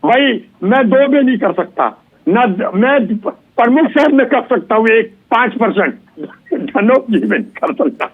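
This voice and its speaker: A man's voice: very high-pitched, animated, unhurried, breathy edge. A man on a debate panel, making mocking, teasing asides at the other guest. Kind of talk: heated political debate. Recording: tinny phone-like remote line.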